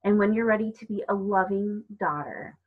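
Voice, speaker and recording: Woman voicing the Other Mother, sinister and sugary, slightly husky. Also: medium pitch, moderate pace, phone-quality sound, natural voice. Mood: sternly triumphant. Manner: sugary, coaxing, politely condescending. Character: sinister button-eyed other mother, sweetly controlling creature.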